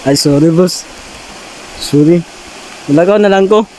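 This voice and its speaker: A man's voice: a little high, a little slow, a little mellow, slight background noise, low-quality recording. A man performing a comedy skit, teasing his partner and repeating his words for laughs.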